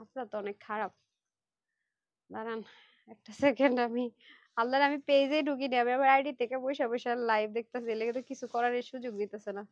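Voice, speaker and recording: A woman's voice: fairly high pitch, steady tone, fast talker, no room sound, dull audio. A woman hosting a live clothing sale, chatty and pushy with her viewers, worn out from a long session. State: tired, worn out. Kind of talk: fast Facebook live selling pitch.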